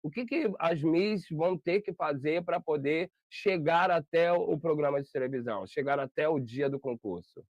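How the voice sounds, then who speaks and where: The interview host here is a Brazilian man on a video call whose voice runs a little high, at normal speed with few pauses and no echo. He's talkative and meandering, frequently correcting himself, and the audio is dull and lo-fi.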